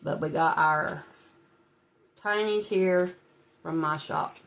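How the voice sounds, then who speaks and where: Low, creaky, and a bit bright, the woman's voice moves at a slow pace. Running a budgeting channel and stuffed up from a head cold, she works through savings challenges while making casual, chatty conversation with viewers and laughing lightly.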